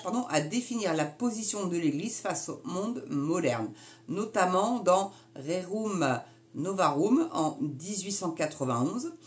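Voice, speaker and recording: A woman hosting her own video channel, giving a casual talk from her notes with many fillers and self-corrections, and chatty asides to viewers. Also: mid-range voice. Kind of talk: casual explainer reading from notes.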